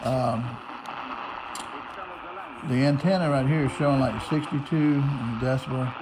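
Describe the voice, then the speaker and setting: Narrating each step as he goes, a U.S. radio hobbyist gives an informal, unscripted tutorial on a receiver. He speaks at a measured pace in a steady, medium-pitched voice, though the recording is noisy with radio static and broadcast noise.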